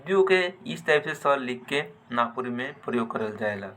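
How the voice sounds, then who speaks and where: A man teaching a grammar lesson, deliberately repeating example words in pairs. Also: mid-range voice, animated, a bit bright, a little hiss or hum.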